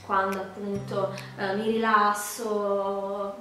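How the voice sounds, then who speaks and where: A woman's voice: medium pitch, level tone, slow, bright, forceful tone, slight background noise. Congested, duck-voiced woman, very echoey. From Puglia, southern Italy. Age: 20s. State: congested from a cold, sore throat, duck-like nasal voice. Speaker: vlogger. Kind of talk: casual talk to camera. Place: small bedroom indoors. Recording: very echoey room, music behind. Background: music.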